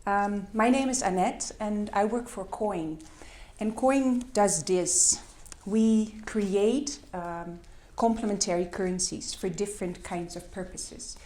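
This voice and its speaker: A middle-aged woman with a Dutch accent, not speaking her native language, presents a slide-based conference talk hesitantly and with many fillers. Her mid-range voice has a darkish tone, and she goes slowly with few pauses in an echoey hall.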